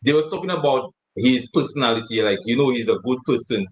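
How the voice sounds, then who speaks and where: Man, casual co-host, rambling, laughing, mid-pitched voice. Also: lively intonation, quick pace, poor audio. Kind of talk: casual chat.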